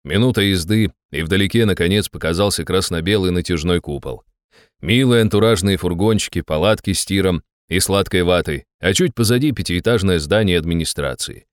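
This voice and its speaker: A man narrating an audiobook in the first person, calm and dry. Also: deep voice, brisk, clean tone, dry recording.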